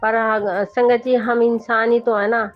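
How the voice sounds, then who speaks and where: A woman's voice: on the high side, level tone, a little slow. A middle-aged woman sharing a devotional testimony, speaking earnestly and often turning to address her listeners directly. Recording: dull, dry recording with faint background music.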